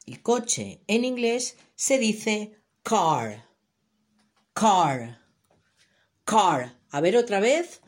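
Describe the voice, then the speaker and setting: Slow, lively Spanish teacher woman. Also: medium pitch. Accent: Spain Spanish. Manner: slow, drawn-out model words for repeating. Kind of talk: English vocabulary lesson for children.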